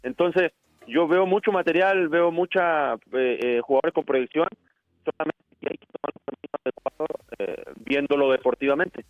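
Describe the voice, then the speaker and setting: A man's voice: fairly high pitch, normal speed, a little hiss or hum. A middle-aged man, a football coach, speaking as a guest over the phone and often repeating words as he searches for them. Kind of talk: phone interview. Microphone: phone call. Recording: dry tinny phone line.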